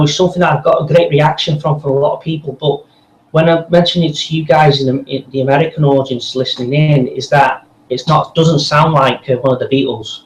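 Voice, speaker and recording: This man talks in a rambling, enthusiastic way, full of fillers, at a middling pitch. His voice carries a roomy echo. A faint noise sits underneath. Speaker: podcast guest, voice actor. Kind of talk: casual interview chat.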